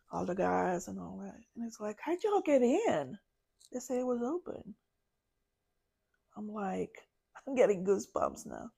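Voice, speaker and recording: A woman, a podcast guest, recounting a personal story in a halting way, searching for words. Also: mid-range voice, gravelly, darkish tone, breathy edge. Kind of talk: personal story told in an interview.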